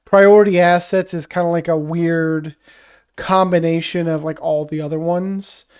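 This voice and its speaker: A man co-hosting a podcast, talking casually about a tabletop wargame in a measured, hesitant way with frequent restarts. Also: a little high, fairly even intonation, smooth. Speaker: podcast co-host.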